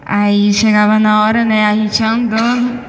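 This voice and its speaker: A woman giving an animated testimony in church and acting out the conversations she tells. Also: mid-range voice, measured pace. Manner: animated storytelling, acts out dialogue. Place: church hall. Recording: echoey church hall, faint hiss.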